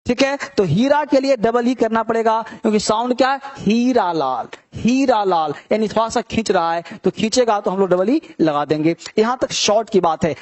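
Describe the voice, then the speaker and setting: A man gives a classroom English spelling lesson. He mixes Hindi with English phrases, calls his students "beta" and repeats words slowly to stretch out each sound. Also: sits high. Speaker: English teacher.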